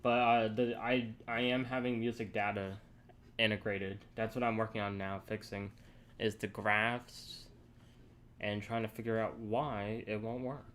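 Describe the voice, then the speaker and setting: A young man casually thinking aloud and answering chat on a live coding stream, halting and rambling as he works. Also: on the low side, little pitch movement, a bit bright, slight background noise. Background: keyboard typing.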